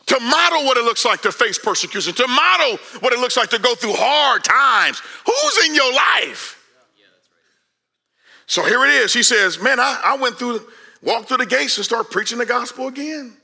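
A man in his forties preaching a sermon on a large church stage, animated and conversational, swinging from loud calls to hushed asides. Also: very high voice, normal speed, gravelly. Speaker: pastor.

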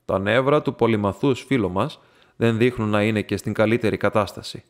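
Male narrator as composed detective, measured and dry, storybook. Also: fairly low pitch, close to an everyday voice. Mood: measured polite. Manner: polite, measured.

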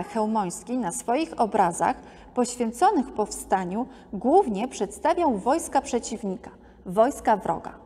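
A woman narrating a museum art-history podcast in a calm, measured scripted reading. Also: a little high. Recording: long hall reverb.

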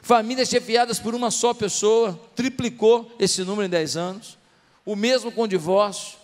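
In a large church hall with a long, echoing reverb, a pastor delivers a sermon to his congregation. His voice is strikingly high, and he keeps pressing the listeners with rhetorical questions.

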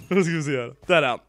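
A man co-hosting a casual Let's Play, excitable and quick to laugh and shout. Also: a little high, heavy background noise. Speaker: gaming channel co-host.

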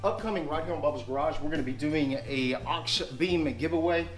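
A man's voice: fairly high pitch, brisk, soft background music. A man in his forties hosting a car repair vlog from his open garage, chatting casually and repeating "honestly" and "guys" often. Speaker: car repair channel host. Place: open home garage, outdoors by driveway.

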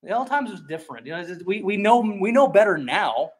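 A male pastor preaching an expository sermon in a conversational, emphatic way, often slipping into quick acted-out voices. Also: high voice, big pitch swings, slightly rough.

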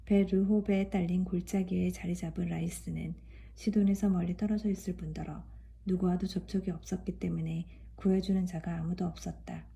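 A woman reading scripture aloud in a calm, even way. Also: on the low side, vocal fry. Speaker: scripture reader.

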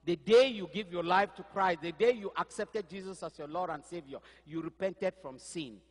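In a large hall, a high-voiced man in his fifties preaches a sermon at normal speed from a church stage, using a headset mic. English isn't his first language, so he gropes aloud for words while gesturing animatedly as the pastor.

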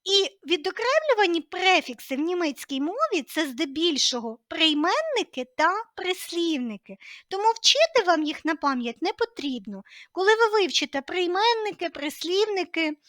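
High, lively woman teaching a language lesson. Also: normal speed, dry recording, studio quality. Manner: clear, patient explaining with lively emphasis.

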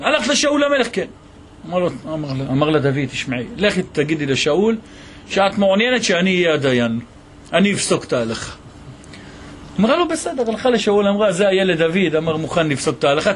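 A man teaching a Torah lesson as a rabbi, telling a story with animated voices for its characters. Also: high voice, a little hiss or hum. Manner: animated storytelling, voicing the people in the tale.

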